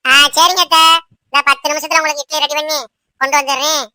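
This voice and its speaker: A woman's voice: high-pitched, steady tone, fast talker, pushed and bright, no room sound. A woman voicing a put-upon young daughter-in-law in a cartoon, pleading and grumbling under her breath. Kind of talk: cartoon voice acting.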